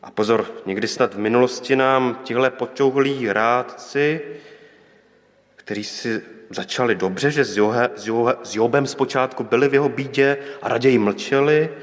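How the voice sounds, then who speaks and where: A man preaching a sermon, reflective, with pointed rhetorical questions and quoted voices. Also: mid-range voice. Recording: long hall reverb.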